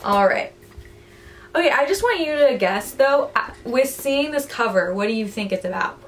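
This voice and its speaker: A young woman co-hosting a casual podcast, retelling a book plot in an animated, chatty way. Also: a little high, moderate pace, slight background noise. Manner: chatty, animated storyteller who acts out quotes. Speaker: podcast co-host.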